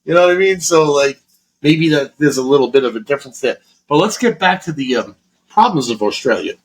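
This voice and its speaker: Man, podcast co-host, from Florida, casual rambling chat, heavy swearing, slightly raised pitch. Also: expressive, a little fast, rough recording. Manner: rambling and heavily profane, with many restarts.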